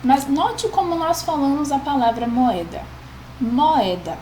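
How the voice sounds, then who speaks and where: High-voiced patient woman teaching grammar. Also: lively intonation, normal speed, mellow, a little hiss or hum, poor audio. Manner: patient, checks in with "ok?". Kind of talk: explaining a grammar lesson.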